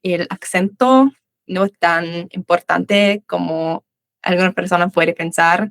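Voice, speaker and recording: A woman's voice: fairly low pitch, a little slow, no echo. A young Australian woman, a native English speaker, answering interview questions in learner Spanish with many restarts and fillers. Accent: Australian English speaker in Spanish, Uruguayan voseo. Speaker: guest, English teacher. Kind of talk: casual interview chat.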